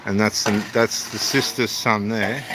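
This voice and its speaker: The voice sits fairly low, with fairly even intonation and an unhurried pace, as the Australian evangelist and theologian rambles to camera. He stands at a building site by the water, noise in the background, sounding homely and self-deprecating.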